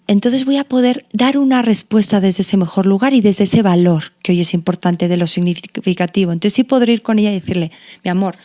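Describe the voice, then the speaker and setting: A woman's voice: medium pitch, warm tone. A woman, a guest therapist and mother, explaining her ideas earnestly in a reflective conversation, drawing on examples from her own life. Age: adult parent. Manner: earnest, uses personal examples and self-questions. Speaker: guest logotherapist.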